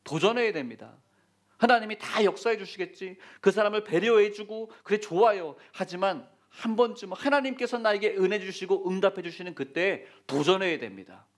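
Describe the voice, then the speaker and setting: A man's voice: sits high, moderate pace. A man preaching a sermon as a church pastor, telling the story with acted-out voices and urging his listeners again and again. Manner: lively storytelling, acting out voices of king and Nehemiah; repeated exhortations, dropping to a whisper at times.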